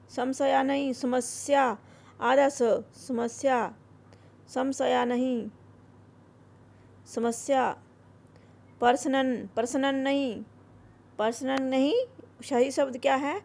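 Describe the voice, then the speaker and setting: A woman's voice: sits high, creaky, darkish tone. A woman teaching a Hindi grammar worksheet, repeating each word and drilling its correct form, with English words mixed in. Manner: repeats words slowly, then drills them. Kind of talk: explaining a school grammar worksheet.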